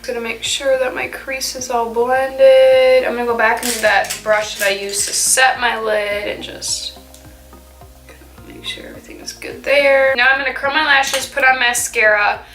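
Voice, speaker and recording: A high-leaning, somewhat bright voice with a flat delivery and moderate pace belongs to a teenage girl doing a casual makeup tutorial as a beauty vlogger. She uses "like" frequently and tends to trail off mid-thought. There's faint music in an echoey room.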